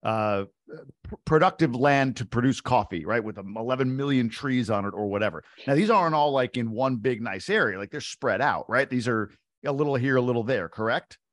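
A man's voice: mid-range voice, fairly quick, dry recording, studio quality. A middle-aged man from upstate New York hosting a podcast interview, talking casually and jokily with lots of "like" and "right?". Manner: animated and jokey, frequent "like" and "right?". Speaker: podcast host.

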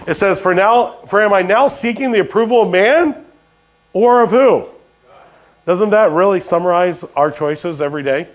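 A man's voice: high-pitched, moderate pace. A pastor preaching a sermon, questioning his congregation and dropping jokey asides. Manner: call-and-response questions to the congregation.

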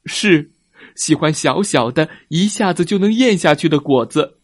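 A man's voice: fairly high pitch, expressive, measured pace, dry recording, clean studio sound. A man voicing a big father tyrannosaurus in a children's story, scolding earnestly but with care.

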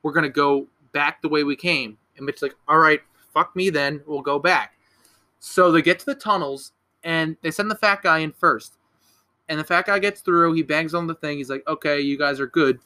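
A man's voice: fairly high pitch, fairly even intonation, normal speed, sharp tone. A young man casually recapping a horror movie on a podcast, rambling, swearing and correcting himself as he goes. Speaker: podcast co-host.

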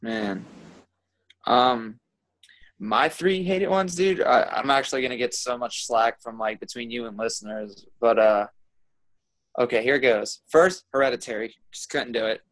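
A man's voice: medium pitch, measured pace, fairly bright tone, no room sound, low-quality recording. A man co-hosting a podcast in casual chat, rambling, laughing often and swearing freely. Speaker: podcast co-host.

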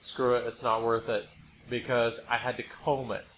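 A podcast host speaks casually but emphatically about his opinions, repeating points for effect. His voice is medium-pitched and a bit bright, with a level tone and normal speed. The recording has a roomy echo and background noise.

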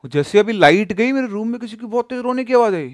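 Scared frantic hotel guest, man putting it on, highish voice, dry. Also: animated, fast, no room sound. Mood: panicked. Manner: urgent, frantic. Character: frightened male hotel guest, panicking.

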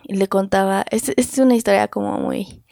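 A woman's voice: medium pitch, steady tone, moderate pace, gravelly, mellow, no echo, clean studio sound. A young woman with a Mexican Spanish accent talking casually and candidly, full of slang and repeated words. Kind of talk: casual conversation.

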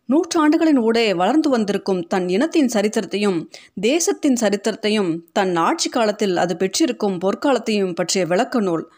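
A woman narrating a short story in an audiobook, reading in a steady, measured way. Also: medium pitch.

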